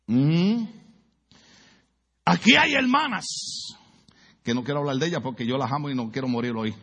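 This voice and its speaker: A man's voice: medium pitch, lively intonation, moderate pace, fairly bright tone, breathy edge, highs cut off. A middle-aged man with a Puerto Rican accent preaching a humorous sermon, telling stories, acting out voices and asking the congregation questions. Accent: Puerto Rican Spanish. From Puerto Rico. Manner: storytelling, asks the congregation questions, acts out voices. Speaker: pastor.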